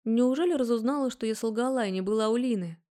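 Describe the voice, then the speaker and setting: A young woman narrating a first-person story, brisk and wry. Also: on the high side, warm tone.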